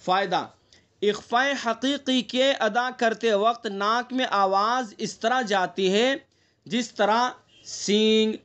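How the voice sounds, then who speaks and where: A man's voice: high-pitched, a bit bright. A man teaching an online Quran recitation class, explaining rules patiently, often checking with the students and sounding out the nasal examples himself.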